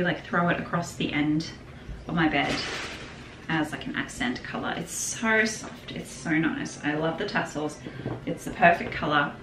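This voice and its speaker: Sitting at a desk in her home craft room, a young vlogger talks through a casual shopping haul, rambling, laughing easily, and restarting often in a chatty way. Her voice is on the low side. A camera a little way off captures her in an echoey room with noise in the background.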